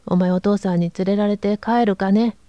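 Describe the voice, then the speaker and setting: A woman's voice: mid-range voice, steady tone, moderate pace, dry recording, dull audio, close to an everyday voice. A woman reading aloud, voicing a harsh, domineering middle-aged father who barks orders. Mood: gruff. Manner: gruff, barking orders.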